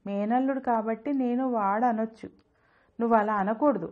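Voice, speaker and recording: Audio storybook: a fussing, fond middle-aged mother, read by a woman narrator, higher voice, dull lo-fi sound. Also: fairly even intonation, moderate pace, lightly acted. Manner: affectionate and teasing.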